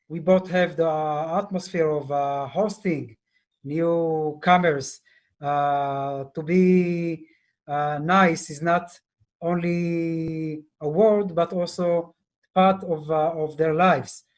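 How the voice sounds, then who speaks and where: Slow, halting man on a video call. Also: a little high. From Ethiopia. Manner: slow, halting, many fillers. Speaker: diplomat guest. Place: office indoors. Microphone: earphone mic on video call.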